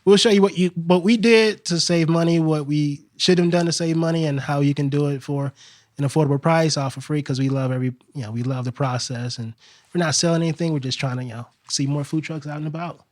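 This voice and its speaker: Guy from texas chatting on a podcast, bit higher voice, relaxed, says things twice, dead dry sound. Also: fast talker, no echo. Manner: relaxed, earnest, repeats himself. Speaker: guest, restaurant co-owner. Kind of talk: casual podcast chat.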